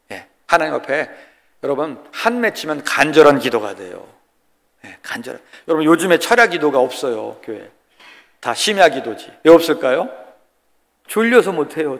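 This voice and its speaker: Older male pastor in his 60s, from Chungcheong, fairly high voice, folksy joking sermon, questions the pews, church-hall reverb. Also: fairly bright tone. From Korea, Chungcheong region. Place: church sanctuary.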